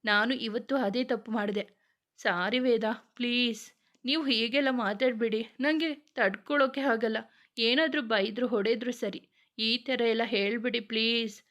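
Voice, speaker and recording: A woman's voice: fairly high pitch, steady tone, unhurried, a bit bright. A woman voicing a remorseful young wife who keeps apologizing, in a storybook reading. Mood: pleading. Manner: pleading, apologetic.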